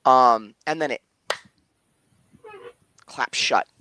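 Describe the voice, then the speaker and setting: A man narrating a tabletop game as game master, halting and repeating words as he goes. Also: mid-range voice, pushed and bright, smooth, no room sound.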